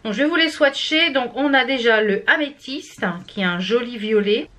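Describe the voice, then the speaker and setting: A woman's voice: fairly high pitch, moderate pace, a bit bright. A woman from France chatting casually through a makeup product review, with many fillers and restarts. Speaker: beauty vlogger.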